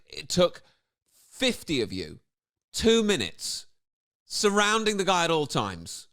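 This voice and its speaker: A man's voice: a little high, fairly bright tone. A man doing comedic commentary on a video, firing off sarcastic, incredulous rhetorical questions.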